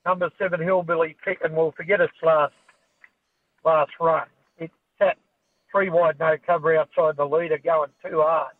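A man's voice: on the high side, fairly even intonation, normal speed, no room sound. An Australian man giving an unscripted horse racing preview as a form analyst over a phone call to a radio show. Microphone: phone call to radio studio. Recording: tinny, band-limited phone line.

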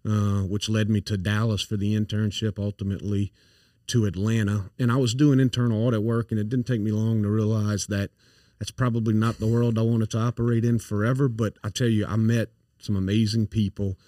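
Recorded dry and a bit distant from the microphone, this south Louisiana-accented company founder in his forties chats casually as an interview guest, earnestly and with plenty of fillers and restarts. He speaks on the low side, a little fast, with a flat, mellow delivery.

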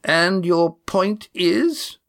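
A woman's voice: lowish voice, big pitch swings, unhurried, pitched above the performer's own voice. A man reading a story, voicing a haughty woman who speaks with cutting scorn. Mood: scornful. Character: haughty sneering woman, mocking.

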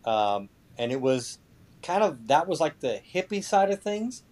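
A man's voice: on the high side, sing-song, unhurried, a little mellow. A man chatting casually as a podcast guest, sarcastic and foul-mouthed, with mock boasting. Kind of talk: casual chat.

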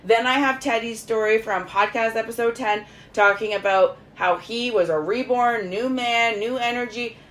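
A woman telling a story casually among friends, animated and emphatic, swearing freely and acting out what was said. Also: on the high side, moderate pace, hardly any pauses. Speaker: podcast host.

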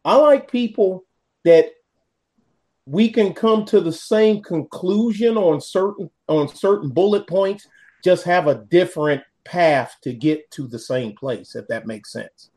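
A man chatting casually in a folksy, halting way, often repeating words as he goes. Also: high voice, darkish tone. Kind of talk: casual chat.

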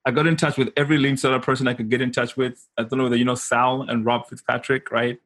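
An interview guest from Zimbabwe, a consultant and coach, tells personal stories in animated, casual conversation. He speaks fast and emphatically at a middling pitch with a fairly bright tone and flat delivery, often checking that the listener is following.

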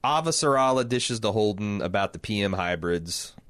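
A middle-aged man with a low voice chats casually on a podcast. He recaps a TV episode with animated energy, restarts his sentences, and swears freely. The sound is dry and close to the mic. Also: normal speed, no room sound. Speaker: podcast co-host.

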